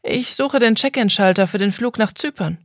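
A woman voicing a flustered, hurried woman traveler who talks anxiously and apologetically, on a dry studio recording. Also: medium pitch, no echo, pitched above the performer's own voice, lightly acted.

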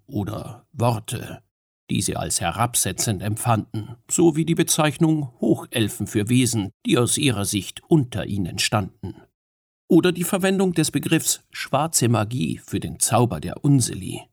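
A man narrating a fantasy story in a measured storytelling manner, raising his voice for the characters' lines. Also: medium pitch, gravelly, darkish tone, husky, no echo, clean studio sound. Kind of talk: scripted audiobook narration.

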